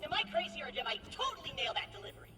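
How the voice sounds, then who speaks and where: A woman voicing an excitable, bossy, playful girl game master in a video game, theatrical and quick to exclaim. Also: sits high, far from the mic, noisy background. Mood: gleeful, scheming. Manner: theatrical, swinging between exclamation and mutter. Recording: echoey hall reverb, music behind.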